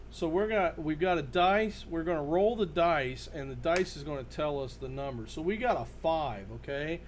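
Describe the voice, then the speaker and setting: Man with a higher voice, noisy recording. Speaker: magician and performer presenting his card trick. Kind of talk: casual demonstration to camera. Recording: noticeable background noise.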